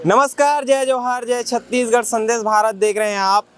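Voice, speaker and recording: A man's voice: very high-pitched, little pitch movement, normal speed, fairly bright tone. A man reporting from a village school and questioning pupils, talking in long, repetitive run-on phrases. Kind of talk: field report and interviews.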